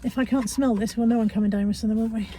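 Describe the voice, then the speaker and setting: This British English vlogger speaks rapid-fire in a fairly high, steady, mellow voice, chatting casually from inside her car. Her congestion suggests a cold is coming on, and she keeps tacking questions onto her comments. Slight background noise can be heard.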